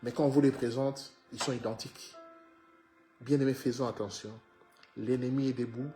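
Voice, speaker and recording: A man preaching a sermon, swinging from loud exhortation to low hushed phrases, often repeating words and addressing listeners as beloved. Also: steady tone, moderate pace. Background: faint music.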